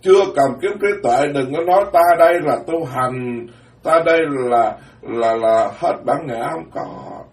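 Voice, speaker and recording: A man, a Buddhist monk giving a dharma talk in a blunt, plain-spoken way, alternating quick asides with slow, weighty phrases. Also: mid-range voice. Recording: roomy, distant mic.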